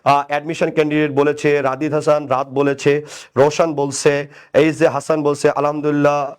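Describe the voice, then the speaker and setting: A man's voice: fairly high pitch, level tone, normal speed, clean tone. A man with a Bangladeshi Bengali accent teaching a live online English grammar class, asking and answering his own questions and teasing commenters by name. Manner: conversational, asks and answers his own questions, repeats "right?".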